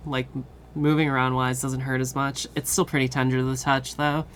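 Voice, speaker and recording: A woman streamer chatting casually with her viewers, tired and relaxed, swearing now and then. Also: a bass voice, fairly quick, slight background noise. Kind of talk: casual chat with live viewers.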